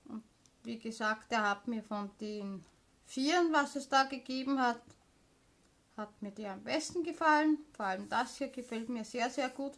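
A woman's voice: a little high, normal speed, fairly bright tone. A woman chatting casually as a vlogger, showing purchases in an informal, explanatory manner. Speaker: craft haul vlogger.

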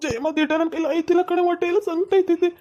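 A woman's voice: extremely high pitch, steady tone, mellow, highs cut off. Woman playing a moaning sick village husband. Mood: groaning.

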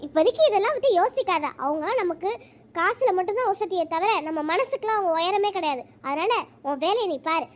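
A woman voicing a calm, middle-aged village mother in a cartoon, gently giving advice. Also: extremely high pitch, brisk. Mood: advising. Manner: gentle, advising. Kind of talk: cartoon voice acting.

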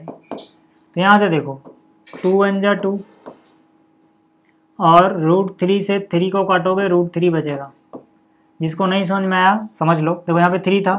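A male maths teacher talking through a solution step by step. He keeps asking the viewer what comes next and then answers himself, and drops in casual filler words like "okay" and "buddy". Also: sits high. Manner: reads out numbers and steps one by one. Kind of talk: step-by-step board lesson.

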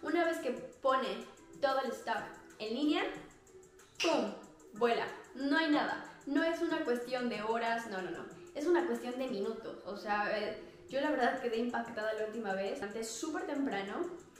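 With a fairly high pitch, lively intonation and moderate pace, a young Mexican Spanish-accented woman reviews activewear on her vlog over soft background music. She's bubbly, chatty, laughs a lot and gestures freely, recorded on a lapel mic in an echoey small home room.

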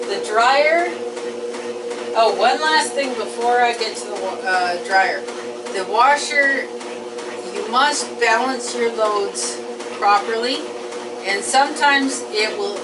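A middle-aged woman walking viewers through her washer and dryer at home, unhurried and plainspoken with frequent ums. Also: on the high side. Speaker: home appliance reviewer. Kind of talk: casual product walkthrough. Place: home laundry room. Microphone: camera across the room. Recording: distant camera mic with loud hum.

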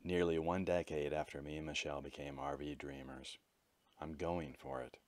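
A man's voice: a bass voice, steady tone, moderate pace, no echo. A man narrating his own travel vlog as a voice-over, telling his story in a candid, matter-of-fact way. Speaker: vlogger.

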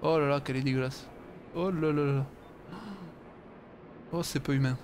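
A man's voice: mid-range voice, fairly even intonation, moderate pace, background noise. A man giving casual gaming commentary, muttering to himself and swearing offhandedly. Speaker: let's play host.

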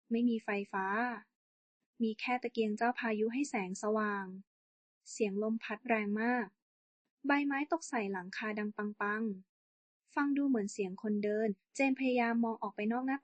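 A woman's voice: fairly high pitch, dry recording. A young adult woman hosting a storytelling channel, narrating a ghost story in a chatty, polite, dramatic way.

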